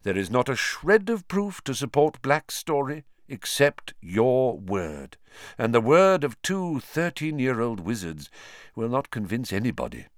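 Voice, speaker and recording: A man voicing a wise elderly male headmaster, calm, quiet and measured. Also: mid-range voice, no room sound, studio quality, pitched above the performer's own voice. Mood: grave.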